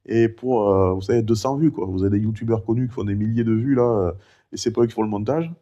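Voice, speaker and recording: A talkative middle-aged man vlogging to camera, wandering from thought to thought with plenty of fillers. His voice sits a little low and sounds warm and mellow. A weakened vocal cord has taken away his high head voice. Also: fast talker, highs cut off. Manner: rambling and talkative, many fillers. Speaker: vlogger recounting his cancer. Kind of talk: casual chatty vlog.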